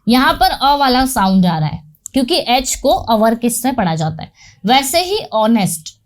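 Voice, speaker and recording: Woman, Indian accent, English grammar lesson, slightly high pitch, asks and answers her own questions. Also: very animated, normal speed. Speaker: English teacher.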